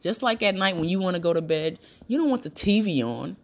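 A woman's voice: on the low side, lively intonation, fairly quick. A woman hosting a breastfeeding support talk, giving new mothers emphatic, repetitive, reassuring advice in casual, colloquial speech.

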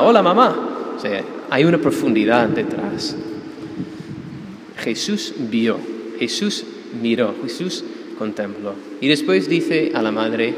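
A man's voice: mid-range voice, a little hiss or hum. A priest giving a conversational, story-filled homily, often asking his listeners "¿verdad?". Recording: echoey church hall.

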